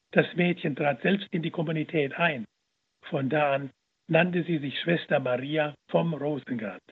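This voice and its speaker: A man's voice: on the high side, breathy edge. A man narrating a religious story aloud in an earnest, dramatic manner, heard over the radio. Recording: phone-like radio broadcast.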